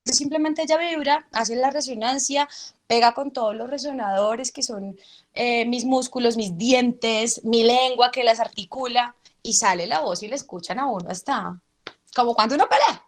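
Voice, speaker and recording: A woman's voice: fairly high pitch, normal speed. A woman, an actress and drama teacher, answering interview questions and showing her points with her voice. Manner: animated, explains with vocal demonstrations.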